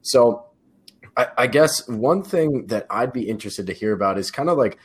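A man hosting a podcast interview in a relaxed, hesitant way. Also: medium pitch, moderate pace, husky. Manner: relaxed, hesitant, many fillers. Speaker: podcast host. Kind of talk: casual interview.

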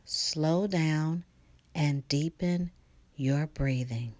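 Very slow, soft-spoken meditation guide woman. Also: sits low, no echo. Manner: soft, slow, partly whispered delivery.

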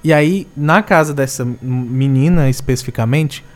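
A man's voice: medium pitch, moderate pace, soft background music. A man co-hosting a live-stream chat, telling an anecdote with joking asides and frequent restarts. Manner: chatty storyteller, self-correcting, joking asides. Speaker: co-host. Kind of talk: casual discussion on a live stream.

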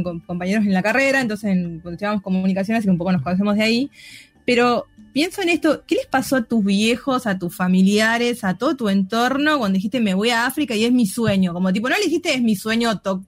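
A young woman with a Tucumán Argentine accent co-hosts a loose podcast chat. She jumps in with quick agreement and easy follow-up questions. Her pitch sits in an ordinary middle range. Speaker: co-host.

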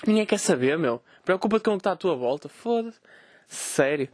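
A man's voice: high voice, animated, brisk, a little mellow, dry recording. A young man with a European Portuguese accent, ranting sarcastically and swearing on his solo podcast. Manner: profane, sarcastic, mocking voices of others. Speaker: podcast host.

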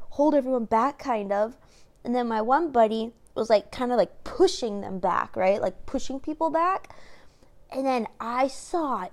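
A young woman vlogging in a casual, rambling way, telling stories with lots of fillers. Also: a little high. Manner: chatty, laid-back storytelling with lots of fillers. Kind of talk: casual chat.

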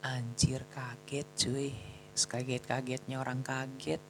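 A man's voice: mid-range voice, little pitch movement, unhurried, background noise. A young man casually telling a personal story in a chatty, slangy, self-mocking way. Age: young adult.

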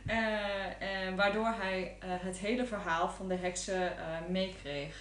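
A woman co-hosting a casual book chat, speaking haltingly with many fillers. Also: medium pitch, roomy sound. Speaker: podcast co-host.

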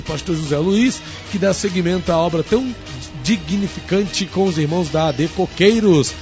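A man's voice: sits high, darkish tone. A man with a Brazilian Portuguese accent, a pastor hosting a radio interview in a formal, devotional manner. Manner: formal, devotional, reads listener greetings. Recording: dull radio broadcast, faint music.

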